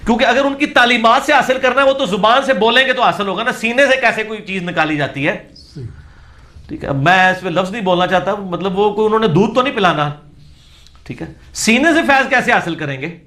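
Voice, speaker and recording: High, bright-voiced man. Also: lively intonation. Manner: sarcastic, mixes in Punjabi phrases. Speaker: religious lecturer. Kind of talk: religious talk, debating texts.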